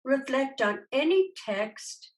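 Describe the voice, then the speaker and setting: Her voice sits high with lively intonation as this woman guides a meditation session. She's the teacher, offering gentle, soothing, unhurried instructions punctuated by long pauses.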